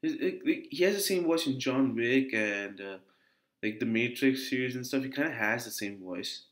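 A man reading an otome game aloud, voicing the lines with animated chatty asides. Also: mid-range voice, normal speed, reverberant, poor audio. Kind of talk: reading dialogue with commentary.

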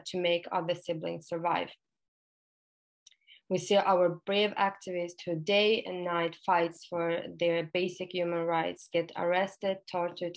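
A young woman speaking at an online panel, hoarse from a cold, with many fillers and restarts. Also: lowish voice, low-quality recording. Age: young adult. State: hoarse from illness.

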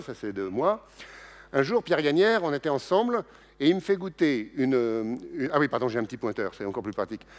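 Middle-aged guy lecturing on science, pitch jumping all over, jokey, keeps restarting his sentences. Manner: lively, joking, many restarts and asides. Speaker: scientist giving a public lecture. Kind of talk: animated public science lecture. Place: lecture hall.

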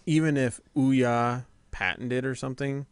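A man's voice: medium pitch, fairly even intonation, a little slow, clean tone, no echo. A man hosting a casual gaming podcast, rambling and trailing off as he talks. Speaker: podcast host. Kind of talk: casual chat.

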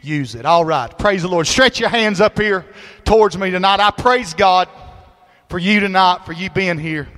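Preacher guy, pretty high voice, folksy storytelling, big echoey church hall. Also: moderate pace, a bit bright. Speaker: pastor. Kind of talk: sermon. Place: church sanctuary. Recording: long hall reverb.

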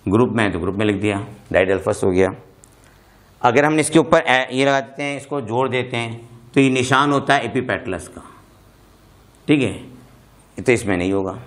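A male biology teacher lecturing at a slow, measured pace. He dictates formulas term by term, then checks his students by asking the same question again and again. His pitch sits in a middle register. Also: fairly bright tone. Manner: repeats terms and quizzes students with questions.

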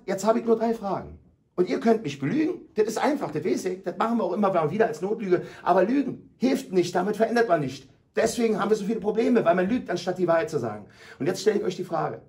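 A middle-aged man, an anti-bullying speaker telling his school stories loudly and dramatically in a radio talk. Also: sits high. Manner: loud, dramatic, acts out scenes for listeners. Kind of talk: emphatic storytelling in a radio talk.

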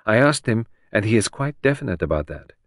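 A man voicing a fastidious middle-aged male detective, precise and probing, in an audiobook. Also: on the low side, sing-song, dry recording, clean studio sound. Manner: precise, probing, coolly insistent. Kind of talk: audiobook character voice.

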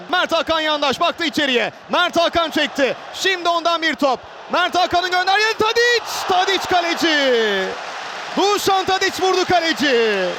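A man giving live football play-by-play in an excitable way, with clipped phrases and drawn-out names. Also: very high voice. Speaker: football match commentator. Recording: roaring stadium crowd noise behind voice. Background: stadium crowd ambience.

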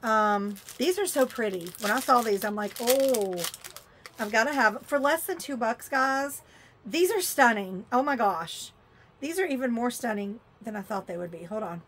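A woman with a slightly high, fairly bright, animated voice goes through a shopping haul on camera at normal speed. Chatty throughout, she exclaims and mutters as she opens items, and there's slight background noise.

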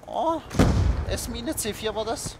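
A young man hosting his own gaming video, giving excited play-by-play of a shooter match and yelping at every hit. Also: extremely high pitch, takes it slowly. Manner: yelps and groans at the game, shouting in bursts. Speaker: gaming channel host. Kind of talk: excited Call of Duty commentary. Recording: loud background game noise.

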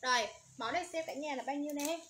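A woman hosts a livestream sale, talking at a brisk clip in a high voice. She repeats codes and prices in a steady sales patter. Loud background noise and crinkling packaging sit under her voice. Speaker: livestream seller.

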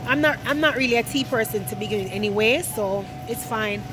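A woman's voice: a little high, fairly quick, music in the background, rough recording. A young woman with a Jamaican accent chatting to viewers as she walks through a large supermarket, filming on a phone at arm's length, laughing often. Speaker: vlogger. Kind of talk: casual vlog chat. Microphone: phone held at arm's length. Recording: loud store background noise.

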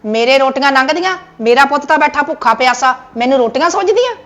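A woman with a high voice grumbles quickly and wearily as the mother in a Punjabi family comedy sketch. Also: expressive, a bit bright.

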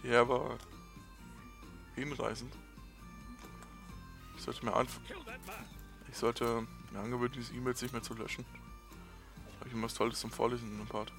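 A man giving casual gameplay commentary, often muttering low and swearing at the game. His voice sits in a middle pitch. Faint game music plays behind him. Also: flat delivery, normal speed, vocal fry, long pauses. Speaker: let's player.

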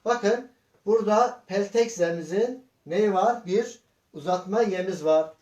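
A man teaching Quran reading in a slow lesson, sounding out syllables one by one and asking his students patient questions. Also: sits high, a little mellow, muffled recording. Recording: echoey room.

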